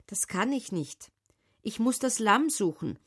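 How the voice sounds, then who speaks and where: A woman voicing a kind, gentle young shepherd boy who speaks earnestly in a storybook reading. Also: a little high, animated, a little slow, husky, pitched above the performer's own voice, heavily acted.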